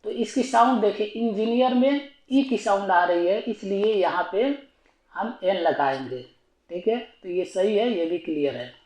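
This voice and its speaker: A man's voice: high voice, darkish tone, roomy sound, muffled recording. A man teaching an online grammar lesson, explaining patiently and repetitively and asking himself rhetorical questions.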